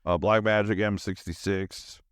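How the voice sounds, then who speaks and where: A middle-aged podcast host rambles through a casual solo chat, thinking aloud in a scattered, slangy, enthusiastic way. His voice is fairly low and unhurried with a flat delivery, and the tone is clean on a dry, studio-quality recording.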